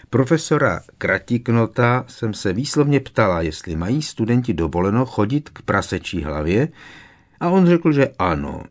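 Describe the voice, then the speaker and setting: A man's voice: lowish voice, close to an everyday voice. A man voicing a precise, insistent schoolgirl witch. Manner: precise, insistent, explains at length. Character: earnest know-it-all teenage schoolgirl witch.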